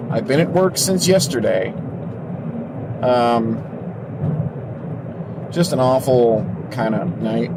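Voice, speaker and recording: A young man with a scratchy cough vlogging casually while he drives at night, rambling and joking at his own expense. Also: on the high side. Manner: rambling, self-mocking, joking. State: scratchy cough, coming down with something. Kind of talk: casual vlog while driving. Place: in a car at night. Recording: loud car and road noise. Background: road and car noise.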